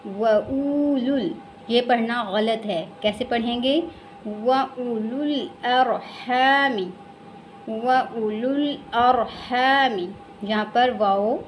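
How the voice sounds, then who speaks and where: A woman with an Urdu accent teaching Quran recitation in a lesson, explaining patiently and repeating each word slowly and drawn out. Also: on the high side, darkish tone, a little hiss or hum. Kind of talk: slow step-by-step recitation lesson.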